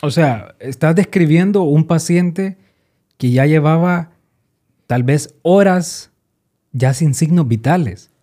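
A man interviewing a guest, asking his questions in a halting way and repeating words as he shapes them. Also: on the high side, dark tone.

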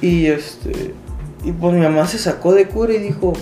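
A young man with a Mexican accent telling a story in casual chat, slangy and animated, acting out quoted voices. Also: high-pitched, moderate pace. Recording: roomy sound with faint music.

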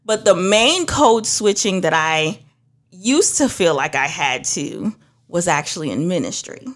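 Her voice sits on the low side and her pace is a little slow. A young woman from Trinidad who is both a minister and a beauty professional, she tells stories animatedly in casual talk, imitating what other people said.

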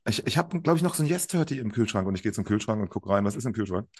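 A man's voice: fairly low pitch, expressive, rapid-fire, a little mellow, husky. A man voicing a chatty, soothing vampire woman who stammers and rambles, in a tabletop role-play. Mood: coaxing.

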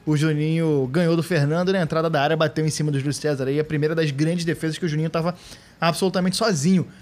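A man's voice: a little high, steady tone, fast, a little mellow. Joking Brazilian man recapping a match. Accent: Brazilian Portuguese. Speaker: podcast host recapping a football match. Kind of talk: casual match recap chat.

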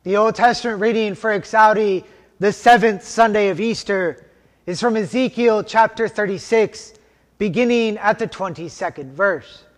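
A man leading a liturgy as officiant, intoning prayers and scripture in a solemn, measured way, his voice ringing in a cathedral echo. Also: high voice. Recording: long church reverb.

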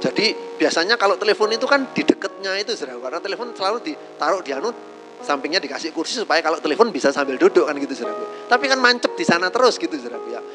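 Folksy preacher, high voice. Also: male voice, big pitch swings, very fast, over music, rough recording. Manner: tags nearly every phrase with a call to his listeners, folksy and joking. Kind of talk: conversational sermon.

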